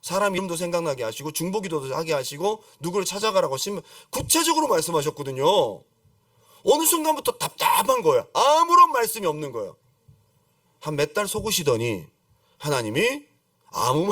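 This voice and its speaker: A middle-aged man preaching a lively sermon as a pastor, acting out pleading prayers and calling on the congregation to repeat after him. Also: a little high, fairly quick, no room sound, clean studio sound, far from the mic. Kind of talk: lively Friday-service sermon. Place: church sanctuary.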